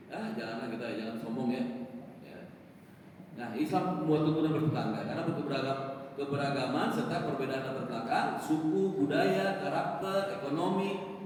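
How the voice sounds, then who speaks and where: A man's voice: mid-range voice, a little hiss or hum. A man giving an evening sermon in a mosque, joking and acting out little dialogues between neighbors. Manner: lively, joking, acts out dialogue. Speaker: preacher. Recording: echoey mosque hall from far off.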